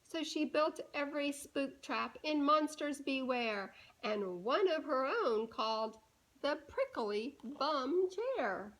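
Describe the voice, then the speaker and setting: A high-pitched woman reads a children's story aloud, energetic yet careful, stopping to put questions to the little ones listening. The audio is poor.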